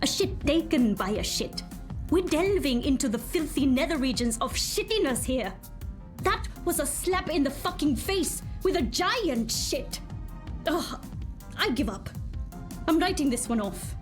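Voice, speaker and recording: A woman's voice: sits high, very animated, unhurried, soft background music. A woman playing a caustic, scornful, sarcastic workshop boss in a video game. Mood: scornful, exasperated. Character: foul-mouthed, scornful female boss of a robot workshop. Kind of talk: video game character acting.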